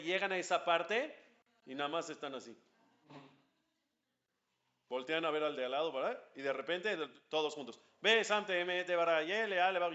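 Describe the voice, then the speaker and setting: Bright-voiced rabbi teaching a class. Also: male voice, on the high side, muffled recording. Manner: animated, asks the audience questions, chants Hebrew prayers. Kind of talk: lively religious class talk.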